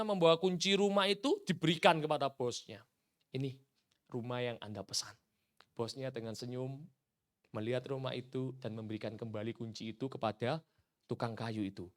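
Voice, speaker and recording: A male pastor preaching a sermon, rising to loud emphatic peaks and dropping to hushed, near-whispered endings while addressing the congregation directly. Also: high voice, clear, resonant tone.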